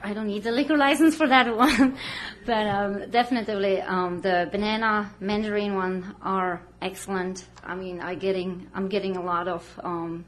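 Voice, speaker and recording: A woman from the Czech Republic, a restaurant owner speaking at a council podium, hesitant with many pauses. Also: mid-range voice, fairly even intonation. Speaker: restaurant owner applying for a license.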